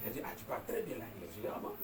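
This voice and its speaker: A man preaching a sermon as pastor, animated, with call-and-response and laughing asides. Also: medium pitch, racing, a crowd in the background. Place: large church hall. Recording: echoey church hall, far from mic, congregation. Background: congregation responding.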